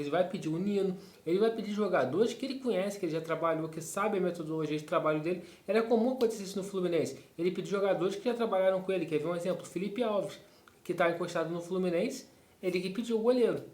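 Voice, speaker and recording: A man's voice: on the high side, a little mellow. Fan-channel host man in an echoey room. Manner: rambling, frequent fillers and tag questions. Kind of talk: casual news commentary. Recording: roomy echo.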